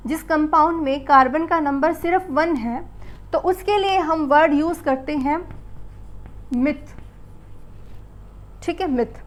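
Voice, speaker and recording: A woman's voice: high voice, slow, pauses often. A woman teaching a school chemistry class. She asks the pupils questions, answers them herself and repeats the key words. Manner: calls the pupils beta and bachche. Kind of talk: classroom lesson.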